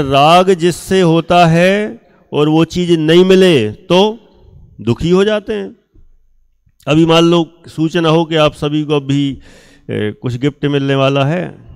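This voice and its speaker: A man teaching a class of students, speaking slowly with emphasis, asking them questions and acting out things people say. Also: fairly high pitch, vocal fry, clear, resonant tone. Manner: acts out quoted speech of others.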